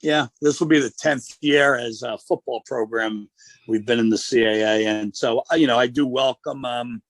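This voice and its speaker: Coach guy with a gravelly voice, talks slow and careful, dry sound. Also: mid-range voice, fairly even intonation, no echo. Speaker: college football coach. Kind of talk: radio interview guest.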